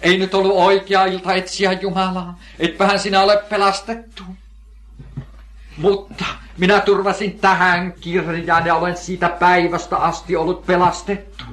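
A man's voice: high-pitched, level tone, a bit bright. An older man preaching a sermon, emphatic, asking questions and answering them himself, repeating key phrases.

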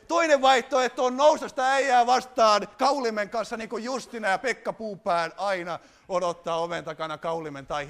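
A man preaching a sermon, animated, putting rhetorical questions to his congregation. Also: high-pitched.

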